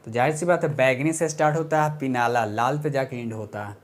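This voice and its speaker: A man's voice: mid-range voice, fairly quick. A man teaching a casual exam-prep science lesson, talking informally, repeating himself, correcting himself and checking in often with rhetorical questions.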